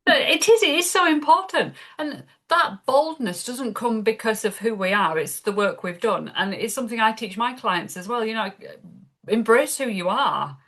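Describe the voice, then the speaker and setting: A woman's voice: a little high, lively intonation, normal speed, a bit bright. A woman with a Yorkshire accent hosting a podcast and coaching business clients, earnest and encouraging in tone. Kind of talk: podcast conversation.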